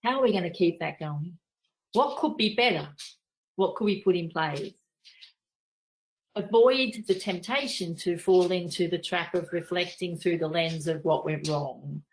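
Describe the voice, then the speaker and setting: Older Australian woman giving measured management advice. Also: on the low side, poor audio. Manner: practical, measured, advisory. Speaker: leadership trainer. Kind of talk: training presentation.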